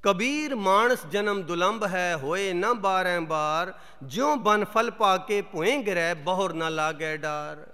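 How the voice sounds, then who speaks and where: A man giving a sermon, reciting scripture verses in a slow chant and explaining them between the verses. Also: high-pitched, bright, forceful tone, clear, resonant tone. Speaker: Sikh preacher. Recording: long hall reverb.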